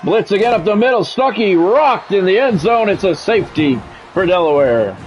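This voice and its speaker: A man with a high-sitting voice and lively intonation calls football play-by-play for a video game at a moderate pace, using short, clipped phrases and casual, dry, blunt asides. He's a sports video game streamer and commentator, recorded on a dull, lo-fi mic with faint noise.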